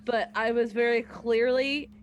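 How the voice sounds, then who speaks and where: Higher-pitched woman, casual tabletop player. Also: fairly even intonation, unhurried, muffled recording, faint music behind. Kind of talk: casual chat.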